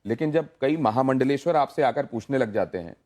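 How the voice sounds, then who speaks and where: A man's voice: mid-range voice, lively intonation, brisk, a little mellow. A man anchoring a televised debate who presses his guests with pointed questions and cuts in by repeating words. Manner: pressing, interrupting, repeats words when cutting in.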